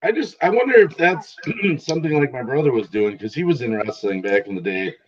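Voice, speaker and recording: A man hosting a live stream, chatting casually and quick to laugh and exclaim. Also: medium pitch, animated, lo-fi sound. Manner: easily amused, exclaims often. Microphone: video call.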